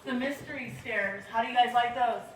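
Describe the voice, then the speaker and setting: Speaking briskly in a fairly high voice, a woman guides a group through a large cave, casual and chatty, with reminders about safety. The cave walls throw back an echo, and she's recorded from a distance with faint noise.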